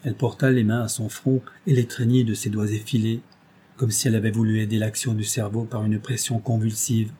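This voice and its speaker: A male audiobook narrator reading a classic novel in a steady, measured way. His voice is mellow and dark, with a husky, slightly breathy grain. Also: lowish voice.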